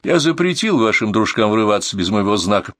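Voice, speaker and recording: A man voicing a cool-headed police detective who reasons calmly and without hurry. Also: on the low side, no room sound, clean studio sound. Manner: composed, unhurried reasoning.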